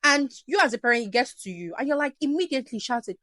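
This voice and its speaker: A woman hosting a parenting advice show, answering viewer questions in an animated way and acting out shouting parents. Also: high-pitched, fast, no echo. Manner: animated, acts out shouting parents, drops to soft emphasis.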